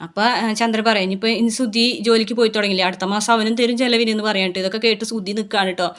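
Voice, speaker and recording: A woman talking quickly as she recaps a serial episode. She quotes each character's lines in her own voice, with little change in tone, keeping her storytelling casual and conversational. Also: medium pitch, fairly even intonation, a bit bright. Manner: brisk retelling, quoting characters in a plain voice.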